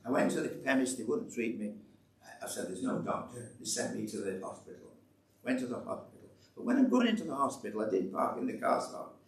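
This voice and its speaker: A man's voice: mid-range voice, sing-song, fairly quick. A man giving a church talk, chatty and storytelling, re-enacting conversations and urging listeners on. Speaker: church speaker giving testimony. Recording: roomy echo, distant mic, faint ambience.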